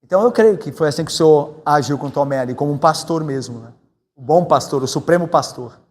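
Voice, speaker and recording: A man from Brazil, a pastor preaching a sermon in a conversational way, often tagging his points with quick questions to the congregation. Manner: conversational, tag questions, animated swings in pitch. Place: church sanctuary. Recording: church hall with long reverb.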